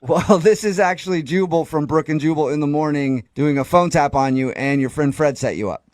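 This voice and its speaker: A man pranks a caller on the radio, posing as a doctor. His tone is deadpan and sly, and he keeps holding back laughs. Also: a little high, a little fast, no room sound.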